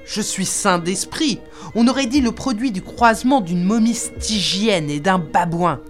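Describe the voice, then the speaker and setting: A woman's voice: medium pitch, measured pace, faint music behind, close to an everyday voice. A woman voicing a wounded barbarian king who growls and curses in anger, in an audiobook reading. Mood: furious. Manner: growling, cursing. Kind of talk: audiobook character voice.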